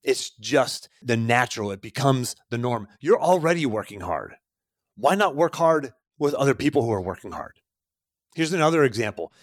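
In a clean, dry studio recording, a man in his forties from Pittsburgh, USA, gives a motivational talk as a podcast host, addressing the listener directly in an earnest, coaching way. His medium-pitched voice is animated and moves at normal speed.

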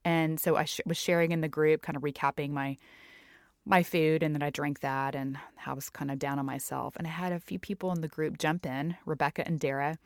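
A woman's voice: low-pitched, steady tone, a little fast, no room sound, clean studio sound. A middle-aged woman hosting a faith-based health podcast, talking candidly and reflectively with casual fillers. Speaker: podcast host and health coach.

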